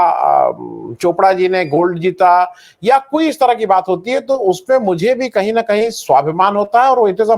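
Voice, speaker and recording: A man, an author and panel guest, speaking in a measured, critical way with frequent hesitations. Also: high-pitched. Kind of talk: panel discussion.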